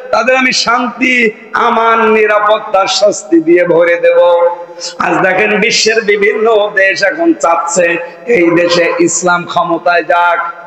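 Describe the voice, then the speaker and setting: A man from Bangladesh preaching an outdoor Islamic sermon, shouting as he explains Quranic verses over a loudspeaker microphone. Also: extremely high pitch. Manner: fiery, shouting Quranic exposition. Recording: echoey, reverberant PA sound.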